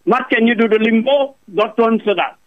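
A man's voice: very high-pitched, moderate pace. A man calling in to a radio show, preaching and firing off rhetorical questions. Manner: preachy, repeats the host's name, rhetorical questions. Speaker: caller. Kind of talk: impassioned call-in rant. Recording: muffled phone line.

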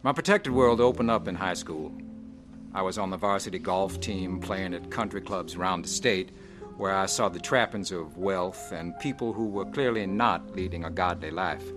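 A man's voice: low-pitched, normal speed, music in the background, lightly acted. An actor playing a grown man soberly narrating his wayward youth in a radio drama testimony. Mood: reflective.

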